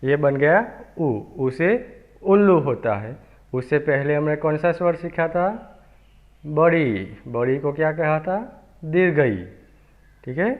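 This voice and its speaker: A man gives a children's alphabet lesson at a very slow, deliberate pace, sounding out each letter again and again. His voice sits a little high, and it comes through a thin, tinny line like a phone recording. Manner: slow, patient, repeating sounds for young pupils. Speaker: teacher.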